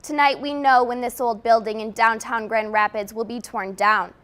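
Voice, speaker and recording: A woman's voice: a little high, steady tone, moderate pace, fairly bright tone. An American woman reading scripted television news as the anchor.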